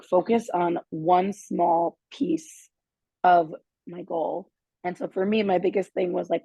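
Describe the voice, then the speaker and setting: A woman with a hoarse, worn voice, sharing her story earnestly on a group video call with lots of fillers. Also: fairly low pitch, warm tone, dry recording, low-quality recording. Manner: earnest, confessional, many fillers. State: hoarse, has lost her voice.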